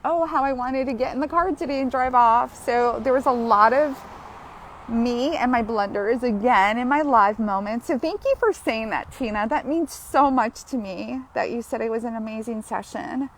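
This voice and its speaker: A woman's voice: a little high, moderate pace, a little hiss or hum. A woman hosting a live-streamed grief healing session outdoors while walking, talking in a heartfelt, chatty way and often breaking into laughter. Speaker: grief support host.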